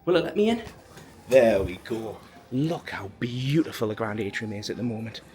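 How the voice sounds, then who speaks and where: A man's voice: lowish voice, animated, moderate pace, darkish tone, slight background noise. A young man chatting casually in a travel vlog on board a cruise ship, self-deprecating and laughing often. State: out of breath at times. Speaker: cruise vlogger. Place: aboard a cruise ship, outdoor deck and corridors.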